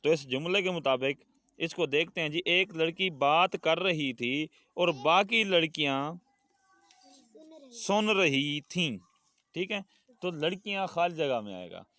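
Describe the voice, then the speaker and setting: A man's voice: on the high side, animated, moderate pace, pushed and bright. A man with a Pakistani Urdu accent teaching a children's Urdu lesson, patiently repeating words and sentences for his pupils to say back. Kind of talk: classroom lesson with call-and-response drills.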